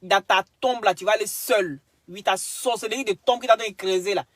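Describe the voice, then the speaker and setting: A woman's voice: mid-range voice, brisk. Scolding woman. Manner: scolding and insulting, swings loud and quiet, mixes in broken English. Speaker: social media commentator. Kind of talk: ranting clash video.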